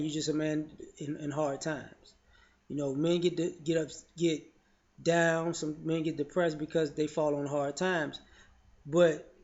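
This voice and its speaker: In dull, lo-fi audio, a man with a higher, darkish voice offers his opinions as a vlogger. He talks casually and frankly, loosely restarting his sentences and dropping "you know" often.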